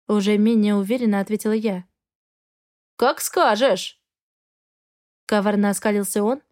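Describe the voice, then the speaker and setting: A woman narrating first-person fiction in a steady, even reading voice. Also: fairly high pitch. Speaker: audiobook narrator.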